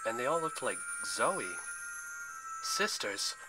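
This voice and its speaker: A man narrating a story aloud in an expressive reading style, with the occasional slip. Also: medium pitch, moderate pace, music in the background, low-quality recording.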